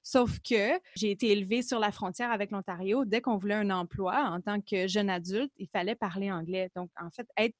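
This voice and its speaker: A woman's voice: mid-range voice, steady tone, moderate pace, hardly any pauses, dry recording, clean studio sound. A woman with a Québécois French accent, hosting a podcast and asking friendly, curious questions in a casual interview. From Quebec. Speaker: podcast host.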